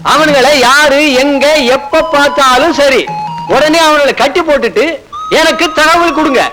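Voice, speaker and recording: A man's voice: very high-pitched, poor audio. A pompous village headman. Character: pompous middle-aged male village headman. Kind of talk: 1990s Tamil film comedy acting.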